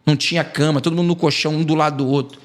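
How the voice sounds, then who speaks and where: A man's voice: on the high side, very fast. A man from Brazil, an evangelist giving an emotional testimony on a podcast and acting out the dialogue. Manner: animated storytelling, acting out quoted dialogue. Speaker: evangelist guest.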